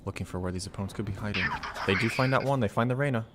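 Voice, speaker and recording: A man's voice: on the low side, racing, heavy background noise. A man doing live play-by-play commentary on a video game match, with analytical, explanatory asides. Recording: loud gunfire and game clicks behind. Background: shooter game gunfire and clicks.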